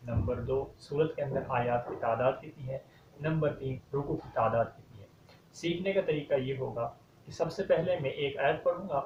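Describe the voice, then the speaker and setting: Patient Urdu-speaking recitation teacher, echoey room. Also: male voice, fairly high pitch, slight background noise. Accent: Pakistani Urdu. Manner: patient, explains each error, then recites slowly and louder. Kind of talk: step-by-step recitation lesson with slow chanted verses. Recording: echoey, slightly dull room sound.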